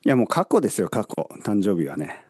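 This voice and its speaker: A man's voice: lowish voice, a little fast, husky, no room sound, studio quality. Easygoing guy podcast host, chatty, laughs at himself, voice goes up and down a lot. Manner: relaxed, chuckling, self-deprecating. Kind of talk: casual chat.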